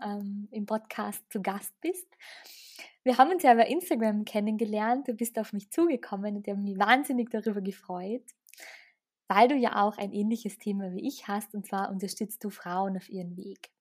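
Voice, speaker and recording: Breathy woman hosting a podcast. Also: medium pitch, normal speed. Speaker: podcast host. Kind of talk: podcast intro and interview.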